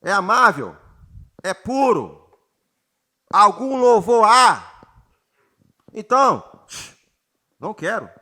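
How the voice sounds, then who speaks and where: A man from Brazil, a pastor preaching a sermon, reading scripture slowly and often calling out to the congregation with rising emphasis. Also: high voice, very animated, bright, forceful tone. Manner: reads scripture slowly and has the congregation repeat words. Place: church retreat gathering.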